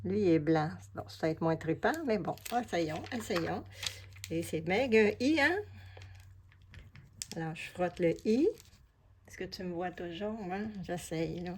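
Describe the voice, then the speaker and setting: Femme québécoise, tutoriel de bricolage. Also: female voice, on the low side, animated, measured pace, long pauses. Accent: Québécois French. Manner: chatty and familiar, explains each step while working. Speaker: collage artist and craft video host. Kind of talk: casual craft tutorial, addressing the viewer.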